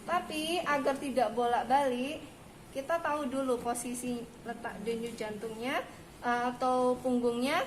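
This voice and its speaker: Woman teacher walking students through an exam, fairly high voice, noisy echoey room. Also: fairly even intonation, unhurried. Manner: explains step by step, checking students understand. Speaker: midwifery instructor. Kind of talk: hands-on clinical demonstration. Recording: echoey room with background noise.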